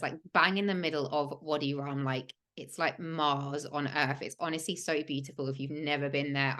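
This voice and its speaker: A woman's voice: sits low, fairly bright tone. A woman, hosting a livestream and telling a personal story in an earnest, emphatic way with many "like" fillers. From England. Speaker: host of a spiritual podcast.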